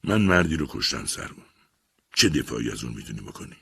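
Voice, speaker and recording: A man voicing a troubled young army lieutenant who is withdrawn and bitter, speaking in a flat, curt, guarded way. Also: extremely low pitch, gravelly, husky, voice pushed down, full character voice.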